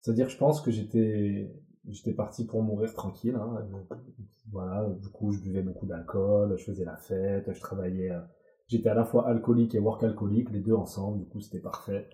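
A very dark, mellow man's voice in an echoey room. He talks candidly and bluntly as an interview guest in his forties, swearing freely. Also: fairly low pitch, fairly even intonation, fairly quick. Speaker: guest, former Olympic athlete. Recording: roomy echo.

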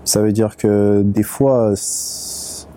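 A man with a low, very dark and mellow voice, talking as the guest in an interview. He speaks in a relaxed, unhurried way, restarting phrases and filling pauses as he looks for the right word. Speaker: rapper and beatmaker, guest. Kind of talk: casual interview talk.

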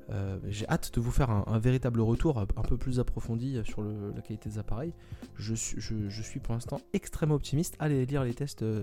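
A man's voice: medium pitch, warm tone. A man hosting a casual solo podcast episode, talking hesitantly with many fillers and restarts. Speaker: podcast host.

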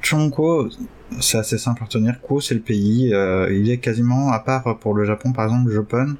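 A man hosting a casual chat who hesitates a lot and jumps up excitedly in pitch now and then. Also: brisk. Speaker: podcast host learning Chinese.

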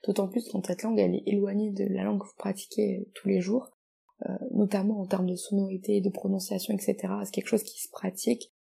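Gravelly, husky young Frenchwoman. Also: medium pitch, level tone, mellow. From France. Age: 20s. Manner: measured, reflective, with hesitant restarts when speaking freely. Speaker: guest. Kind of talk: reading own poetic text, then casual interview talk.

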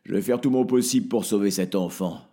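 A man reading the part of an old, wise wizard who speaks in solemn, measured counsel. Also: on the low side, dark tone, natural voice. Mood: grave. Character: old wise male wizard, calm and grave. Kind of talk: audiobook character reading.

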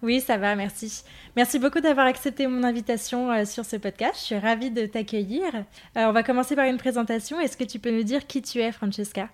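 A woman hosting a podcast, reading a measured introduction and then interviewing a guest. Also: fairly high pitch, fairly even intonation. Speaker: podcast host.

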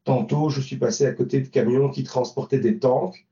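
A man's voice: mid-range voice, steady tone, normal speed, mellow, muffled recording. Hesitant man, roomy distant sound. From Belgium. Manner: hesitant, many fillers and restarts. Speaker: volunteer driver recounting trip. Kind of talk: interview answers, recounting.

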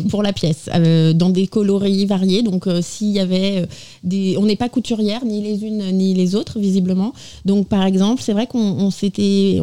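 Woman guest chatting about her theatre group, warm mellow tone, eager. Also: mid-range voice. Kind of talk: radio interview.

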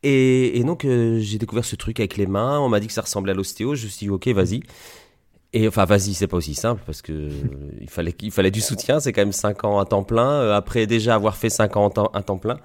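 Speaking fast in a lowish voice, a Belgian osteopath in his forties recounts his story as an interview guest. The conversation is hesitant, full of fillers and restarts.

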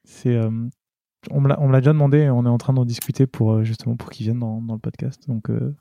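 A man hosting a casual interview podcast, relaxed and a little halting in his speech. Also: medium pitch, creaky, slight background noise. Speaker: podcast host.

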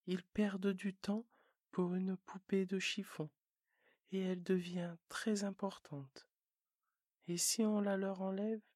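A small earnest boy prince asks quiet questions in a whispered role-play, as a bedtime narrator puts him on. The voice is hushed and slightly breathy, unhurried throughout. It sits close and dry, with no room around it. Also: medium pitch, dry recording. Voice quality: soft, hushed, slow.

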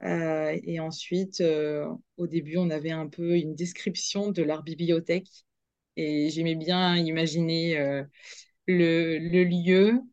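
A woman's voice: deep voice, level tone, takes it slowly, a little mellow, no echo, dull audio. A young woman, a radio journalist, chatting as a guest in a podcast interview, hesitant with many fillers and restarts.

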